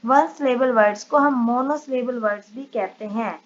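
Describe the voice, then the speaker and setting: A woman with a high voice teaches an English lesson. She explains patiently, step by step, and reads the English examples slowly and carefully. The recording sounds slightly dull and lo-fi.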